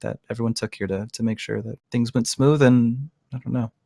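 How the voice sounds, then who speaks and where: A man co-hosting a casual gaming podcast, chatting in a relaxed way with fillers. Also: medium pitch, fairly quick, creaky, no echo, studio quality. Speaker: co-host.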